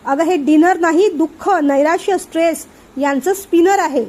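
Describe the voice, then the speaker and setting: A sharp-tongued young wife, indignant and cutting, voiced by a woman narrator. Her voice rides high. It is told in a storybook reading. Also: normal speed.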